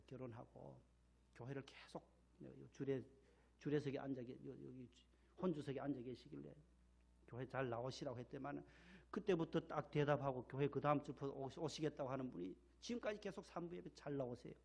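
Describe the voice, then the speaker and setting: Gravelly male pastor preaching. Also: mid-range voice, a little fast, darkish tone. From Gyeongsang region, Korea. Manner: emphatic, repeats key words, leads call-and-response. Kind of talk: sermon. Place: church sanctuary.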